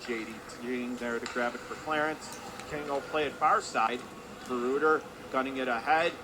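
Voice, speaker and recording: Medium in pitch and moderate in pace, a man delivers live radio play-by-play of a hockey game. His phrases are clipped and continuous, lifting with the play, over clear ice-rink noise.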